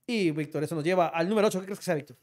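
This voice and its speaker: A young Mexican man teasing his co-host through a joking countdown, tacking the same name onto almost every sentence. His voice sits high for a man, and he talks fast. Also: darkish tone. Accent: Mexican Spanish. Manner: teasing, says "Víctor" after nearly every line.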